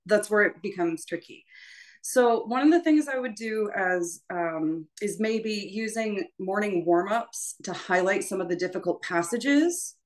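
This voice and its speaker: Here a music teacher runs a choral workshop, explaining things in a relaxed, conversational manner. She frequently checks in with her listeners, and her voice sits at a medium pitch.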